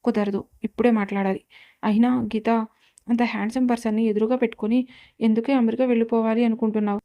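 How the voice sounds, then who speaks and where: A woman voicing a loud, chatty young female college student who rattles on without a pause in a storybook reading. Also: a little high, flat delivery, muffled recording, natural voice. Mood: gossipy. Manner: rattles on nonstop, teasing.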